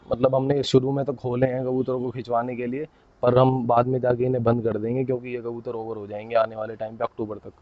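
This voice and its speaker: A man showing his pigeons to the camera in a casual, chatty way, often tagging his sentences with a quick "okay?". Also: mid-range voice, no room sound, narrow, tinny audio. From India. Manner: chatty, keeps saying "bhai" and "theek hai". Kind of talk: casual hands-on show-and-tell.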